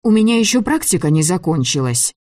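A stubborn young woman who studies magic, as a male reader puts her on, talks in a raised, indignant voice. She sounds quick-tempered and defiant. The audiobook is recorded close and dry. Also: high voice, very animated, a little mellow, no echo, voice pushed up.

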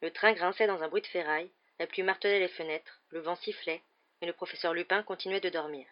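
Woman audiobook narrator, low, measured, lo-fi recording. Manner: steady, measured reading. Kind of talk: scripted narration.

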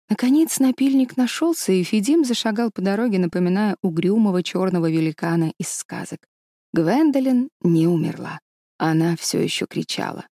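A woman narrating an audiobook story in a calm, measured storytelling voice. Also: mid-range voice, dry recording, studio quality.

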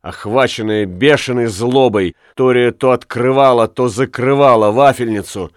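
Man, audiobook narration, dramatic, dry studio, mid pitch. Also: normal speed, no echo. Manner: dramatic storytelling.

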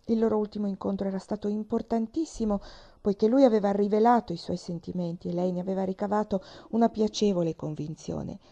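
A woman reads a classic novel aloud at a steady, measured pace. Her voice is very dark and mellow, with a gravelly grain running through it. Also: mid-range voice, muffled recording. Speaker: audiobook reader.

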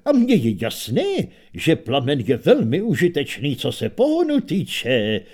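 A curious inventor, voiced by a male reader, explains his ideas in a calm, conversational tone. He sounds self-assured and thoughtful, a storybook scholar. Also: on the high side.

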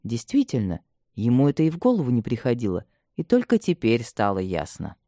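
A woman reading a novel aloud as an audiobook narrator, in an expressive, dramatic manner. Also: very deep voice, a little fast, no echo, clean studio sound. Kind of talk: scripted literary narration.

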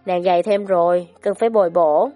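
A woman voicing a calm, teasing noblewoman, low and quiet. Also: a little fast, dry recording, soft background music, close to an everyday voice.

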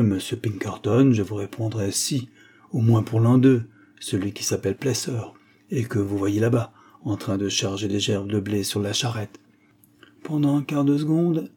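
A man's voice: mid-range voice, normal speed, mellow, breathy edge, lightly acted. A man reading the part of an old, deferential estate steward in an audiobook, earnest and easily surprised.

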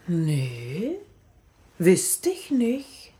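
Brash sharp-tongued washerwoman. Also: lowish voice, huge pitch swings, heavily acted. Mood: sly. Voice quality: quick-witted, brash, folksy. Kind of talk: classic radio play acting.

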